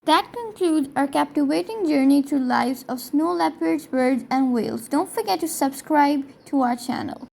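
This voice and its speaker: A woman's voice: sits high, animated, moderate pace, vocal fry, hardly any pauses, darkish tone. A woman reading scripted documentary narration as host of a nature video, in an earnest, presentational manner.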